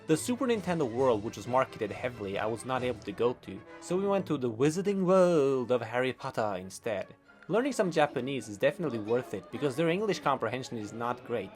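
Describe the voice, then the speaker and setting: A wry young Norwegian man with a mid-range voice narrates his life in a vlog. It's scripted voice-over with dry, deadpan humor.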